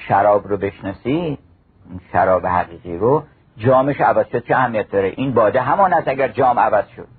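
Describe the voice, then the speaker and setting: A man's voice: mid-range voice, slightly rough. A man giving a storytelling talk on mystical wisdom, reciting classical verse in a chanting cadence. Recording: phone-like narrow radio recording.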